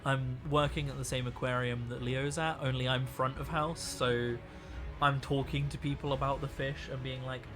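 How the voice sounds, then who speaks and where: With music behind him, a young man talks in a level, mid-range voice at a moderate pace during a casual live stream of miniature painting. He sounds tired from a week of talking, rambling and often starting sentences over.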